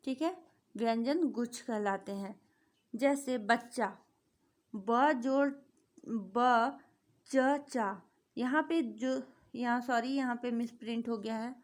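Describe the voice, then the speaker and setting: A woman's voice: on the high side, slow pace. A woman teaching an exam-prep grammar lesson, asking questions and answering them herself, repeating key points. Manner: repetitive, asks and answers her own questions.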